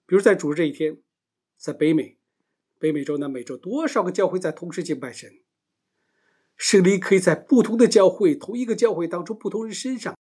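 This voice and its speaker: In a husky voice that sits a little higher than most men's, a man delivers a Bible lesson. He builds his case step by step, often raising a question only to answer it himself. Because he moves toward and away from the microphone, his loudness keeps shifting.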